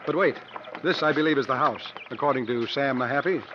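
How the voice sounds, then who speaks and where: In a muffled vintage recording of a 1950s radio drama, an actor plays a confident, articulate travelling strongman and sleuth, using formal, theatrical phrasing. His medium-pitched voice moves fairly quickly, sounding assured and probing, with light acting over background noise.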